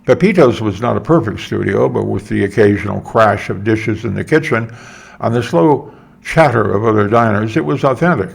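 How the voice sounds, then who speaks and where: Older male storyteller with a low, gravelly voice. Unhurried reading with wry asides. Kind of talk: reading his own story aloud.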